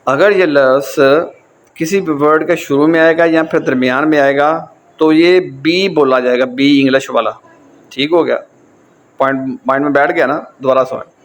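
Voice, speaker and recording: A man with a Pakistani accent and a slightly high, steady voice teaches German in a casual lecture. His style is repetitive, returning to each point again and again.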